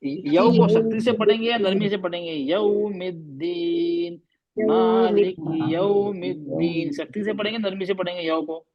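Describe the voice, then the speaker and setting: A man teaching pronunciation in an online class, repeating words over and over and gently coaxing students to say them correctly. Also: high voice, a little fast, highs cut off.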